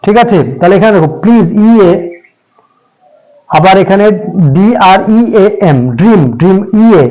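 A man's voice: high-pitched, measured pace, dark tone, poor audio. A man teaching English pronunciation, spelling out letters one by one and repeating each sound patiently. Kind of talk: slow classroom explanation.

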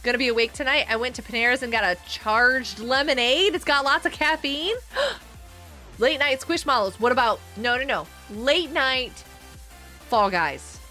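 A woman's voice: high voice, moderate pace, pushed and bright, soft background music. A middle-aged woman hosting a game livestream over a headset mic, chatting and laughing as she greets viewers by name. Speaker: livestream host and homeschooling parent. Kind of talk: casual livestream chat while playing a game.

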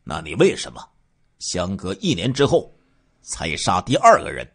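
A man's voice: deep voice, wildly swooping pitch, moderate pace, creaky, fairly bright tone, exaggerated voice. A man voicing a stern male police officer who asks blunt questions in a crime story.

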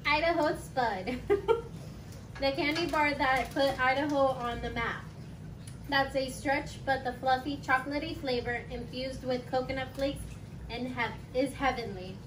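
A woman's voice: high-pitched, fairly even intonation, measured pace. A young woman reading snack descriptions and joking bluntly with friends during a casual tasting. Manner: laughing, blunt. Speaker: co-host reading snack cards. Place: small room at a table, indoors. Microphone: far camera. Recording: echoey room from far off, noisy.

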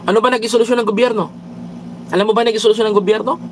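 A man's voice: high-pitched, steady tone, very fast, slight background noise, poor audio. A man from the Philippines doing a casual political commentary livestream, preaching to his viewers, reading their comments and dropping English phrases into his talk. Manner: preachy, repeatedly addresses viewers as brothers and countrymen.

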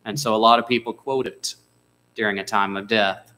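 Bright-voiced man preaching a sermon. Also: on the low side, fairly even intonation, normal speed, poor audio. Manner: conversational, asks the congregation questions. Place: church sanctuary.

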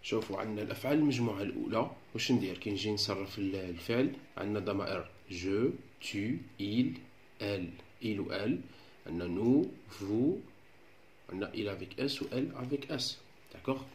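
Algerian male teacher, lowish voice, patient step-by-step explainer, faint room noise. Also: expressive, fast. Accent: Algerian Arabic. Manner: patient, step-by-step explaining, often checks with "d'accord". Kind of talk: explaining a French grammar lesson.

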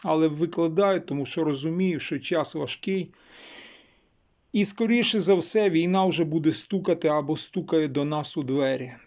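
Man from western Ukraine, local vlogger, higher voice, insistent and repetitive. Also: moderate pace, darkish tone. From Chernivtsi region, Ukraine. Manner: insistent, repeats and stresses phrases. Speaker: local video blogger. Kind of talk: emphatic local news vlog.

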